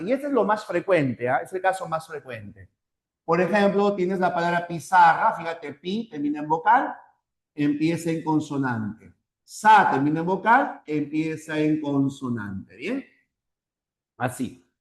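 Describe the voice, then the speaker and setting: Male teacher, methodical and patient, a bit high-pitched, roomy echo. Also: very animated, measured pace. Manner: repeats points with tag questions, patient and methodical. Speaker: language teacher. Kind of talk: online class lecture.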